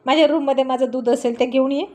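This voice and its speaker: A woman's voice: sits high, fairly even intonation, fast, darkish tone, natural voice. A woman voicing a bossy, teasing young male college student in a storybook narration. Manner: cocky, ordering others around.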